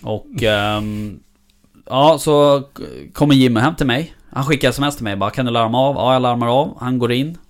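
A man chatting casually about hunting dogs, rambling with many fillers and restarts. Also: medium pitch. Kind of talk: casual chat.

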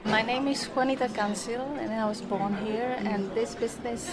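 Woman amid a loud lunch crowd. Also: on the high side, steady tone. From Indonesia. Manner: earnest, halting, with frequent fillers. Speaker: restaurant owner. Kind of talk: interview answers. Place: busy restaurant at lunch hour. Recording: loud restaurant crowd behind.

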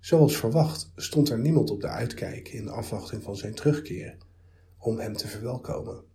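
A man narrating a story in a measured, even reading. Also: mid-range voice, a little hiss or hum.

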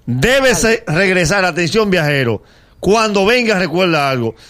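A man's voice: high voice, animated, measured pace, fairly bright tone. A man with a Dominican accent hosting a comedic morning radio show, giving playful, teasing advice with endearments.

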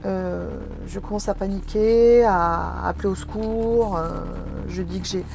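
A woman's voice: medium pitch, fairly even intonation, unhurried, gravelly, a little mellow, a little hiss or hum. A woman telling a personal experience in vivid, emotional, hesitant speech.

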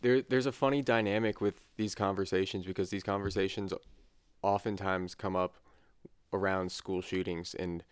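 A man's voice: deep voice, fairly even intonation, normal speed, clean tone, no echo. A man in a casual student discussion, talking loosely with many fillers. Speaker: student panelist.

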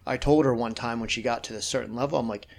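Here the middle-aged man chats on a relaxed podcast about his fitness coaching work, rambling with lots of "like" and "you know," speaking frankly and cursing occasionally. His pitch is ordinary and his intonation fairly even, and his voice is creaky as he talks quickly.

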